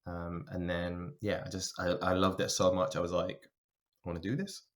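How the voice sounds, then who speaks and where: Talking at normal speed in a low-pitched voice with little pitch movement, a man describes his career as a guest on a podcast. The interview is casual and conversational, and he, a software engineer and linguist, thinks aloud along the way.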